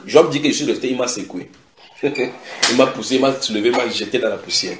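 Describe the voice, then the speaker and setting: A man preaching a sermon, retelling scripture dramatically with sudden shouted quotes and direct questions to his listeners. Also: medium pitch, a little fast, noisy background. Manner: asks the audience direct questions. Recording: echoey room.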